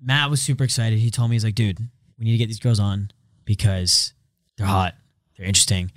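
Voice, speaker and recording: A man's voice: on the low side, fairly even intonation, fairly quick, dry recording, clean studio sound. A man hosting a podcast in casual banter, brash and joking with his guests, swearing freely. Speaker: podcast host.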